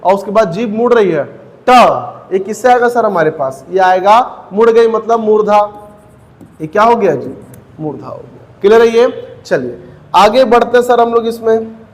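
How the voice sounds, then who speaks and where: Male teacher, high voice, exam-prep grammar lesson, questions he answers himself, reverberant room. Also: expressive, a little mellow. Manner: asks the class questions and answers them himself, repeating key terms; says each sound slowly, one by one.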